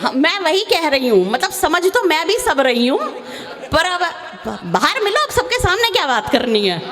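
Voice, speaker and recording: A woman's voice: extremely high pitch, very animated, normal speed, a crowd in the background. A young woman poet telling chatty comic stories to a live audience at a poetry recital. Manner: chatty storytelling, breaks into sung verse. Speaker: stage poet. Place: large hall with live audience. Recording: faint noise, long hall reverb.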